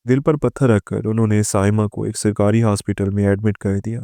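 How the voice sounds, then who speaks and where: A man narrating a scripted moral story in a steady, even delivery. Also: fairly low pitch, clean tone, no echo.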